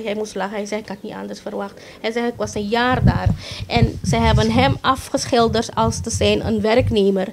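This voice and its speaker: Halting Surinamese Dutch woman, high voice. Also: a little mellow, a little hiss or hum. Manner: halting, many restarts and fillers. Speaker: interviewee, accident victim. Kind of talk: emotional first-person account in an interview.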